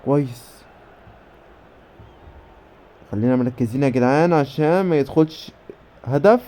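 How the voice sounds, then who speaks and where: An Egyptian man commentating his own football video game match with rapid bursts of player names and cheering. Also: mid-range voice. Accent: Egyptian Arabic. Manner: rapid name-calling bursts, cheering shouts. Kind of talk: excited play-by-play game commentary.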